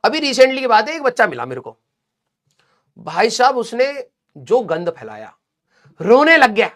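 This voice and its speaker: A man, a teacher for exam students, telling a motivational story in an exasperated, animated way with many asides. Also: very high voice, normal speed.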